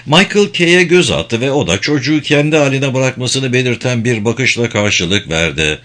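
A man's voice: medium pitch, lively intonation, moderate pace, a bit bright. A man reading a novel aloud as narrator, voicing all the dialogue himself. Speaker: audiobook narrator. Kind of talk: scripted narration.

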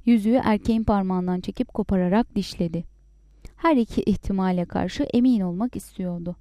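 A woman narrating a story in a calm, measured reading voice. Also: medium pitch, no echo, studio quality.

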